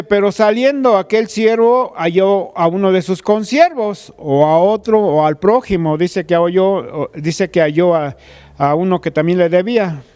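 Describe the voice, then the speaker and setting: Man, preaching, high voice, smooth and clear tone, retells a scripture story. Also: a little mellow. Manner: addresses listener directly as "tú". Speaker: pastor. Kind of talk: sermon.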